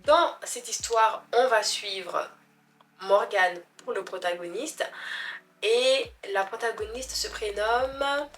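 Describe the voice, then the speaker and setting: Young woman, book vlogger, slow unhurried chat, self-mocking, faint music behind. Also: fairly high pitch, a bit bright. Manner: chatty, self-mocking, stumbles over foreign names. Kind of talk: casual chat about books.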